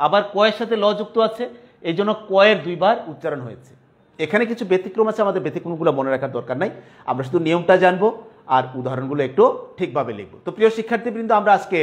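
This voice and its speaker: A male teacher, giving a classroom grammar lecture and often checking whether students follow. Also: a little high. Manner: explanatory, asks "clear?" to check understanding. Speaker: college Bengali teacher.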